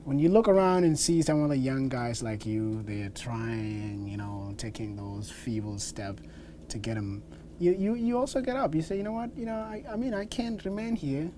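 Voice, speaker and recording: A dialect coach in his young adult years, a South Sudanese man with a Dinka accent, talks at a normal speed in a medium-pitched, dark-toned voice. He recalls past experiences and coaches lines, with clearly audible background noise and ambience behind him.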